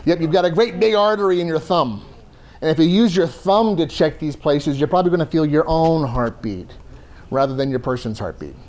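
A man's voice: a little high, a little mellow. Joking male first aid instructor. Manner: joking, conversational. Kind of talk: classroom lecture. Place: classroom.

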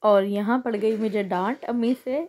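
A Pakistani mother out with her family chats casually in a travel vlog, exclaiming at the views on a cold hill station street. Her medium-pitched voice is darkish and steady in tone, at a moderate pace.

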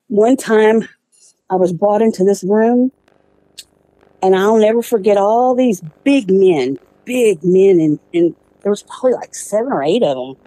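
Low, mellow-voiced woman. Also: dry recording, low-quality recording. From East Texas. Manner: emotional, laughs nervously, acts out quoted voices, voice climbs when indignant. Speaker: interviewee, accused mother. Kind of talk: recounting a personal ordeal in an interview.

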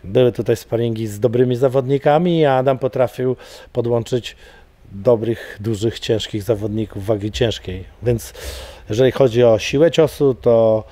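Dark-voiced middle-aged man, rambling coach. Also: medium pitch, normal speed, no room sound. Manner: rambling, many fillers and repeated words. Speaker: MMA coach. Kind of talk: casual interview talk. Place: studio with banner backdrop.

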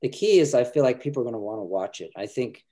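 With lively intonation and a dark tone at medium pitch, a middle-aged filmmaker chats casually on a video call from indoors at home. He sounds earnest, stops and starts, and often begins his sentences over, all picked up by his webcam.

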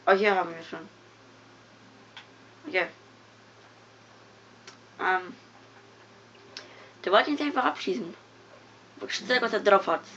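A young woman giving casual, excitable commentary while playing a game, mumbling one moment and yelping the next. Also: mid-range voice, slow pace, pauses often. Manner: excitable, giggly, swings from mumbling to loud yelps. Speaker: gamer. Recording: dull lo-fi home recording with faint noise.

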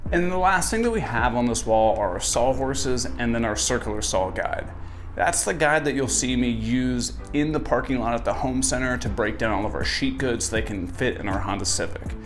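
A young man in his twenties who hosts a woodworking channel gives a casual, friendly tour of his small garage workshop, with a dry sense of humor. His voice is medium-pitched and moderately paced, picked up by a wireless lapel mic, with soft music in the background.

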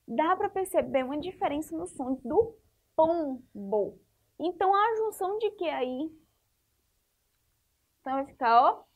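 A woman teacher giving a spelling lesson to young children, asking the class questions and patiently repeating each rule. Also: high-pitched. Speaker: primary school teacher.

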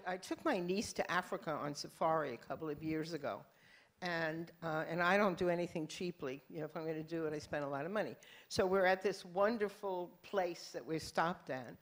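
Low-voiced woman moderating a panel. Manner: conversational storytelling. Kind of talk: panel discussion.

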